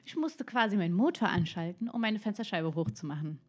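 A young woman recounting a story to her podcast co-host. She slips into other people's voices for the quotes and breaks into laughter as she goes. Her talk is casual and lively. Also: lowish voice, fairly quick, slightly rough. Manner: animated, acts out quotes, laughs while telling.

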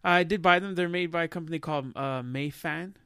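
A man's voice: a little high, brisk, a crowd in the background. A man co-hosting a casual tech podcast, chatty and loose, with many fillers and restarts. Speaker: podcast co-host.

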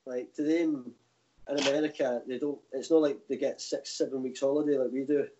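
A man's voice: medium pitch, steady tone, a little fast, muffled recording, noisy background. A man from the Glasgow area with a broad Glaswegian accent, telling anecdotes in loose, colloquial, rambling chat. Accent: broad Glaswegian Scottish. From Glasgow area, Scotland. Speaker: guest, tour operator. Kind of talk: casual chat.

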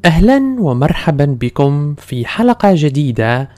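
A man's voice: a little high, sing-song, moderate pace, warm tone, soft background music. A man speaking careful, formal Standard Arabic, narrating a scripted language-lesson podcast as host and teacher.

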